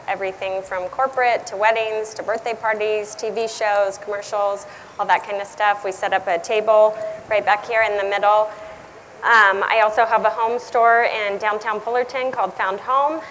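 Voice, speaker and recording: A woman's voice: mid-range voice, a bit bright, a little hiss or hum, low-quality recording. A woman who owns a vintage rental business, introducing herself casually on a panel at an event. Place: event hall.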